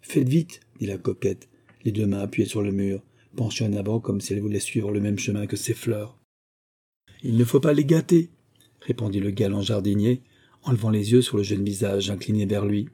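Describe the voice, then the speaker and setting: A man reading a novel aloud in a measured, even narration. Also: lowish voice, breathy edge. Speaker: audiobook reader.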